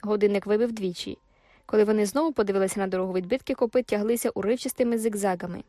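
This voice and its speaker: A woman's voice: medium pitch, fairly even intonation, dark tone, dry recording, studio quality. Woman narrating a classic novel. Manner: measured storytelling. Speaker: audiobook narrator. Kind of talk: scripted narration.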